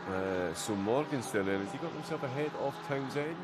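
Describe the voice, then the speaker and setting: A man's voice: medium pitch, expressive, fairly quick, very noisy. A man commentating a sim racing endurance stream, chatty and filled with "uh" hesitations as he reacts to the racing. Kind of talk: live race commentary.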